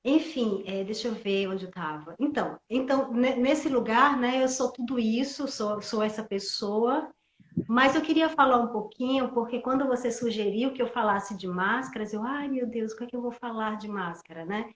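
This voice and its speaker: A woman's voice: a little high, normal speed, a little hiss or hum. Reflective woman on an echoey call. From Pernambuco, Brazil. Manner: reflective, searching for words, many restarts. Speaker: guest actress and theatre teacher. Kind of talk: casual talk in a live video call. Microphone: computer mic on a video call.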